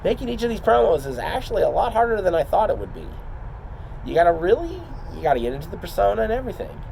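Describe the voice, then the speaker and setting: Guy vlogging casually, kinda high voice, halting and rambly, really up and down, car noise behind him. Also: wildly swooping pitch, gravelly, darkish tone, rough recording. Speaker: trainee wrestler. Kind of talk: casual, confiding vlog talk.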